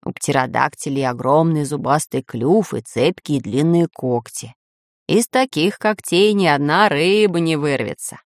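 Storybook professor, older man, lecturing and calm, voiced by a woman; low-ish tone, dry mic. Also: dry recording. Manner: slow, lecturing explanations. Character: calm, learned older male professor geographer.

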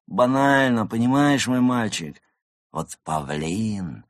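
A man's voice: medium pitch, dry recording, studio quality, voice pushed up. A man voicing a drunk, dramatic female goose who is a stage actress, with theatrical, swooping exclamations in an audiobook. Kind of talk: audiobook character voice.

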